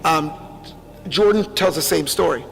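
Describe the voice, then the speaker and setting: A man being interviewed, talking in an animated, preachy way and repeating phrases for emphasis. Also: fairly high pitch, measured pace, vocal fry. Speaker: guest, record producer. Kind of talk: casual interview chat. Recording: long hall reverb.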